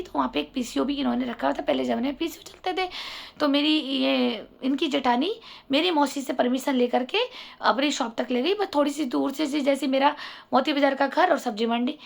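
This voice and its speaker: High, gravelly woman telling a story. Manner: animated, acts out quoted voices. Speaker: vlogger. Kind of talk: personal storytelling monologue.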